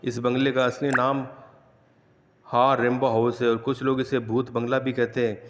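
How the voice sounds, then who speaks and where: A man's voice: mid-range voice, level tone, moderate pace, fairly bright tone, a little hiss or hum, lightly acted. A man voicing a rumor-telling cab driver. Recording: echoey room with long reverb.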